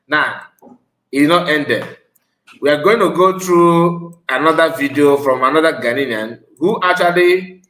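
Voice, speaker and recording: A man's voice: fairly high pitch, a bit bright, roomy sound, rough recording. A man with a Nigerian West African accent giving informal, emphatic reaction commentary, repeating phrases for stress. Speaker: online video commentator.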